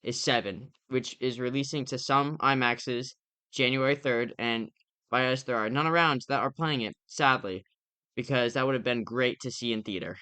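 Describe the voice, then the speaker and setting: Bright, crisp young male podcast co-host. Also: medium pitch, moderate pace, dry recording. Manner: rambling, opinionated, frequent fillers. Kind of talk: casual movie review chat.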